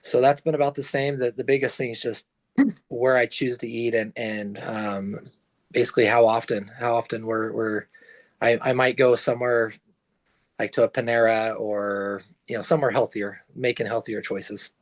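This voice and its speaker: A man's voice: mid-range voice, fairly even intonation, moderate pace. A man chatting as a guest on a video call, easygoing and rambling. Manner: easygoing, rambling with fillers and restarts. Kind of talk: casual chat on a video call.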